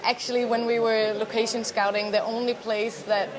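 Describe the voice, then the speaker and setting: A woman from Denmark, a film producer, telling a story in a lively, chatty way with many "like"s. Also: on the high side, normal speed, poor audio. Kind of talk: interview at a film festival. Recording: crowd chatter behind.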